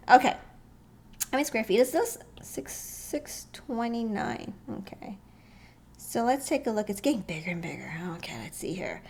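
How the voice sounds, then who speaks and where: A woman with a fairly high voice talks through floor plans in a loose, conversational way. She thinks aloud with frequent pauses and small chuckles. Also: darkish tone. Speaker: real estate vlogger. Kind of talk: casual walkthrough commentary.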